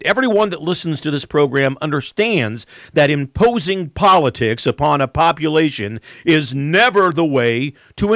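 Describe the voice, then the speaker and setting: An American man hosting a political talk show, delivering an emphatic, rhetorical monologue with deliberate pauses and repetition. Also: fairly high pitch, no echo, clean studio sound.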